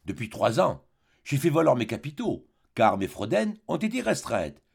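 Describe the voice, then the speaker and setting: A man's voice: medium pitch, wildly swooping pitch, moderate pace, gravelly, slightly rough, full character voice. A man doing a smug, pompous schemer. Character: scheming pompous former perfumer, vengeful suitor.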